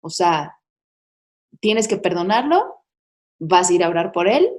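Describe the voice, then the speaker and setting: A woman's voice: fairly low pitch, sing-song, a little slow, darkish tone. Mom type, middle-aged woman, telling a personal faith story, chatty and candid, lots of "o sea". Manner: candid, confiding, chatty with many fillers. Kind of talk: personal testimony talk.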